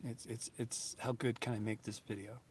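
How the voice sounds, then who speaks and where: A man's voice: medium pitch, level tone, normal speed, a little hiss or hum. A man in his fifties talking casually to his viewers, earnest and grateful, rambling with many restarts and fillers. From United States. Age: 50s. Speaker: YouTube channel host. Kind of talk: casual vlog talk to viewers.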